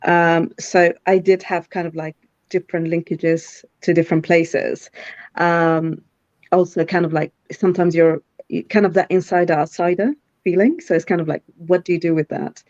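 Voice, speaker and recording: A middle-aged woman who is a CEO speaks as a guest in a live online interview over a video call, with a fairly low, darkish, steady voice at a moderate pace. She talks thoughtfully with many fillers and restarts, and the lo-fi audio has no echo.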